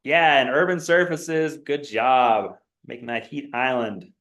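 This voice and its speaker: A male instructor with a medium-pitched, fairly bright voice runs a quiz review game for his class, unhurried and fairly even in intonation as he reads multiple-choice options in a rising, questioning tone. The lecture classroom is echoey.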